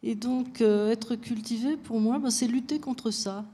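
Mellow-voiced woman on a panel. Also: a little high. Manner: measured, with frequent tag words. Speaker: panel speaker. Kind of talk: reflective panel discussion.

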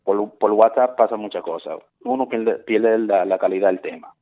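Over a thin, tinny phone connection, a male caller with a low, deep voice offers advice to a radio program at a moderate pace. He explains things earnestly, repeats himself, and slips English phrases into his speech.

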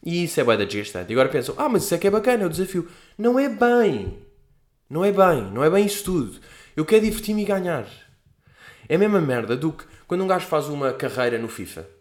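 Young man in his twenties, European Portuguese accent, podcast host at his home mic; lively pitch swings, loose and swear-heavy, mimics others mid-story. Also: fast talker. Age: 20s. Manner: animated, slangy and profane, acts out quoted people. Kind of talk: casual solo podcast monologue. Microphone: podcast microphone.

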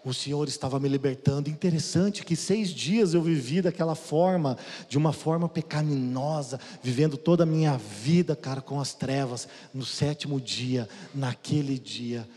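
A man giving an emotional testimony sermon to the congregation, swinging between loud and soft and often calling out to his brothers. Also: medium pitch, normal speed, few pauses. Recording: long hall reverb.

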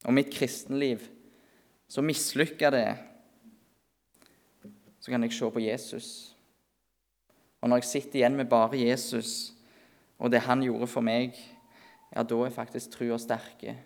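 A man preaching an earnest sermon at a church meeting, often slowing and softening his voice for emphasis. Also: mid-range voice, little pitch movement, creaky.

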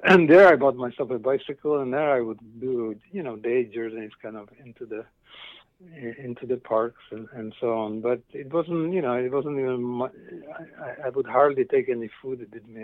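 The audio is narrow and tinny as a middle-aged cycling company founder from eastern Slovakia answers interview questions. His mid-range voice keeps a moderate pace and carries a Slovak accent, and his casual, reflective replies ramble enthusiastically, with frequent self-interruptions.

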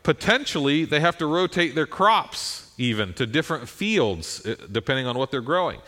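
A man's voice: on the high side, sing-song, normal speed, pushed and bright. Folksy American man preaching conversationally. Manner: folksy, self-deprecating, checks in with "right?". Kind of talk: conversational sermon.

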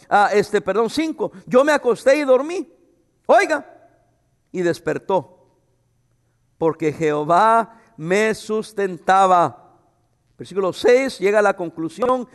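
A man preaching a sermon as pastor, expressive, with personal asides to the congregation. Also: very high-pitched. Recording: reverberant hall.

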